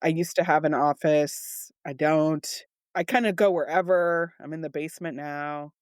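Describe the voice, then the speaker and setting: A middle-aged woman from Southern California co-hosting a casual podcast, her mostly steady voice turning shaky at moments from a cold. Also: deep voice, moderate pace, smooth, no echo, studio quality. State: congested with a cold, slightly shaky voice. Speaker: podcast co-host.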